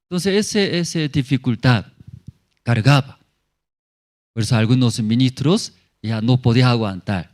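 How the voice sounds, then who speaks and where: Male pastor, sermon testimony, broken simple phrasing, frequent tag questions, mid-pitched voice. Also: unhurried, long pauses, a little mellow. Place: church in La Paz.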